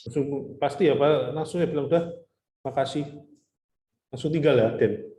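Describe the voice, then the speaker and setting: A man's voice: mid-range voice, a little fast, warm tone. Chatty male lecturer, echoey room. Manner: chatty, mixes in English terms, tells anecdotes. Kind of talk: casual classroom lecture.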